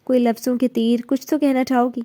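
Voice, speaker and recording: A woman voicing a cold, curt young husband in a storybook reading, blunt and flatly dismissive. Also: high voice, dry recording, close to an everyday voice. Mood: pressing.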